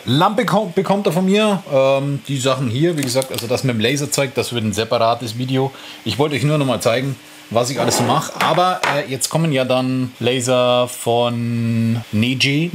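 A man in his thirties chatting to the camera from a home workshop full of 3D printers. He rambles on in a loose, self-mocking way. A faint machine hum sits under his voice from a desk-distance mic. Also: medium pitch. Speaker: 3D printing channel host. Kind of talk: casual chat to camera. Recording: faint printer noise in room.

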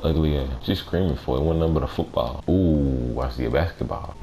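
A young man with a raspy voice doing casual, slangy, playfully complaining commentary over a video game. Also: extremely low pitch, fairly quick. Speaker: gaming video host. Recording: noisy track with game sounds behind. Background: video game audio.

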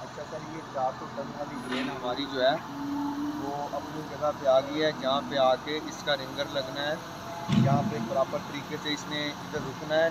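A man in his thirties explaining crane assembly step by step, filmed on a phone at a construction site at night. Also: on the high side. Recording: noisy outdoor site audio. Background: engine and vehicle noise.

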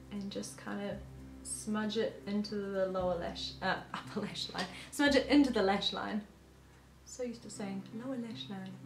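A young woman chatting casually through a makeup tutorial, rambling with lots of filler words, her throat a little croaky. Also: medium pitch, a bit bright. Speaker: beauty vlogger. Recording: roomy echo with faint music.

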